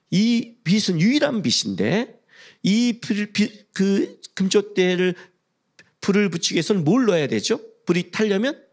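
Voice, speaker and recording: A man preaching a sermon, asking the congregation questions and acting out prayers, sometimes dropping to a near whisper. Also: high voice. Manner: animated, asks the congregation questions; acts out prayers and voices of churchgoers. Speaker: pastor. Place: church sanctuary.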